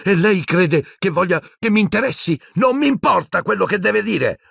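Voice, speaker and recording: A man voicing a furious, grieving teenage boy wizard who shouts in anguished rage. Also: medium pitch, big pitch swings, a little slow, gravelly, slightly rough, dry recording, clean studio sound, pitched above the performer's own voice, heavily acted.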